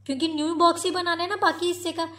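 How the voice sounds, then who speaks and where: A woman with an Indian accent and a high, light voice gives a maths lesson. She works through every step patiently and keeps checking with her students. Her voice sometimes drifts a little off the mic as she moves to write. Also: little pitch movement, fast, a bit bright. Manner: patient, explains step by step, often calls students "beta". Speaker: maths teacher.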